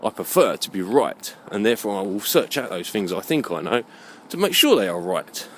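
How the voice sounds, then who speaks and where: A British vlogger with a lowish, sing-song voice talks at a moderate pace in a fairly bright tone, with a faint hiss or hum in the background. His monologue rambles and pushes strong opinions, full of emphasis and rhetorical questions, and he keeps checking that the listener is following.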